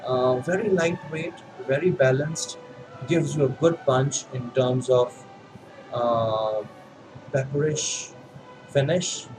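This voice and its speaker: A man with an Indian accent chatting casually as a vlog host, in a halting, hesitant way with pauses and repeats. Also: medium pitch, low-quality recording. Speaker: video host, pipe and cigar hobbyist.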